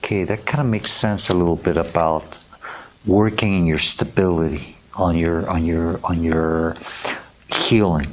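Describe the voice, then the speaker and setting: A man giving a tarot reading to camera. He speaks in a gentle, earnest way, keeps checking in with "okay?", and stumbles over unfamiliar names while reading card meanings aloud. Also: deep voice, fairly even intonation, unhurried, a little hiss or hum. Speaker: tarot reader.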